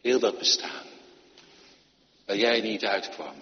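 A man preaching a sermon, emphatic, moving between loud urging and quiet, intimate passages. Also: on the low side, takes it slowly. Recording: dull lo-fi sound with long hall reverb.

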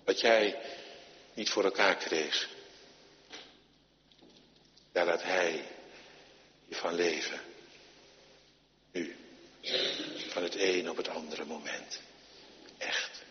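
Male preacher, sermon, slow delivery, emphatic, loud then hushed, long hall echo. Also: deep voice, a little hiss or hum. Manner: emphatic, swings between loud urging and quiet intimacy. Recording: dull lo-fi sound with long hall reverb.

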